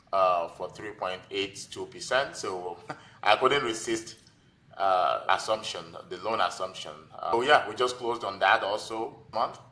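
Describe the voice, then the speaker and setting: His voice sits on the low side with a sharp tone. He's a Nigerian man in his forties, a physician and investor, chatting informally about his own experiences as a guest on a conversational podcast interview.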